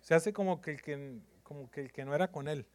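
Pastor, man; high-pitched voice, preaches with call-and-response, booming one moment, quiet the next. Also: a little fast. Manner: preaches with call-and-response, shifting between loud proclamation and soft asides. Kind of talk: sermon.

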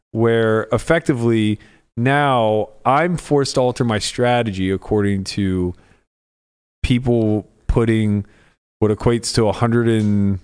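A man's voice: mid-range voice, clean tone. A man talking casually on a podcast, ranting with sarcasm about poker. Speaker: podcast regular, poker pro. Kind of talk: casual chat.

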